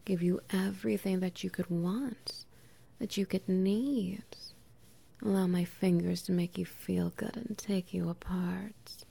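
Slow, husky whispering woman. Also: on the low side, steady tone. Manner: soft, teasing, slow whispering with quiet laughs. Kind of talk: whispered intimate audio roleplay.

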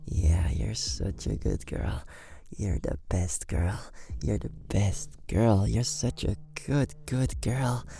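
A man in an ASMR boyfriend roleplay, talking close to the mic with soft, doting, repetitive praise that often drops to a whisper. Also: lowish voice, slow pace, vocal fry.

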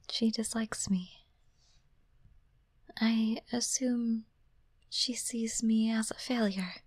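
A woman voicing a gentle, caring young princess and future queen, speaking in a slow, soothing whisper close to the microphone. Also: medium pitch, slightly rough, dry recording. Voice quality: soft unvoiced whisper. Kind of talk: whispered ASMR roleplay.

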